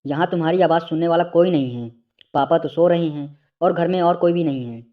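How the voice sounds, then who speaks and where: A man's voice: a little high, brisk, narrow, tinny audio, lightly acted. A man voicing a menacing middle-aged male family friend who talks in a cold, mocking way, in a storybook reading.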